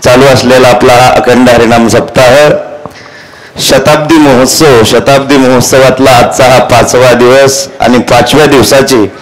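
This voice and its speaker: A man leading devotional chants and making an announcement at a religious gathering, drawing out his calls slowly. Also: mid-range voice, fairly even intonation. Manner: slow, drawn-out calls. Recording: noisy crowd ambience.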